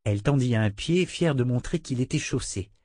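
A man narrating an audiobook in an even, measured reading. His voice is mid-pitched and recorded close and dry. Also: no echo. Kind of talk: scripted narration.

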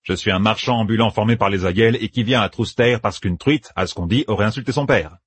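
A man voicing a sly, straight-faced companion in an audiobook, teasing in an even, husky voice close to the narration. The recording is dry. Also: fairly low pitch, fast talker, no echo. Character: sly sincere-seeming man with a teasing streak.

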